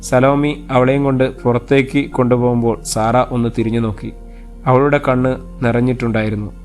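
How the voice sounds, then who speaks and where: A man tells a romance story aloud as an audio novel, voicing every character himself. His voice sits at an ordinary middle pitch. Faint instrumental music plays quietly beneath his narration. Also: flat delivery, a little fast. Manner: reads every character's lines in his own voice. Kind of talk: storytelling narration with acted dialogue.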